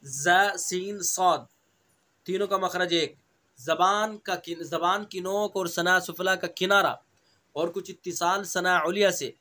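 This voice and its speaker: A man's voice: high-pitched, steady tone, a little slow, bright, forceful tone. A man with a Delhi Urdu accent teaching Quran recitation, patiently repeating each letter sound several times. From India. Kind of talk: slow tajweed lesson, drilling letter sounds.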